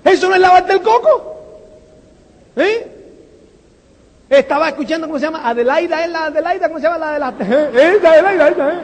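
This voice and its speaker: A man giving a motivational talk, firing rhetorical questions and tagging lines with a quick "eh?". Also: very high voice, lively intonation. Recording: long hall reverb.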